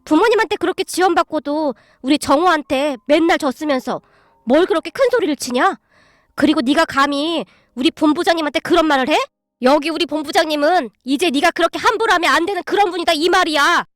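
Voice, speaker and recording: A woman's voice: high-pitched, a little fast, no room sound, clean studio sound. A woman voicing a cheerful, loyal young man who is a secretary and friend in a storybook reading. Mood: indignant. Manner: cheerful, excited.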